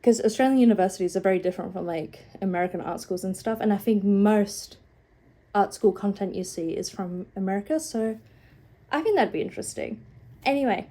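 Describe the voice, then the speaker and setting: A woman's voice: mid-range voice, a little fast, mellow. A young woman with a cold, nasal and sniffling, chatting casually and rambling about her sketchbook into a phone at home. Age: young adult. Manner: rambling, many "like"s, self-deprecating. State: sniffling, a bit out of breath. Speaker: art vlogger. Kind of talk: casual chat.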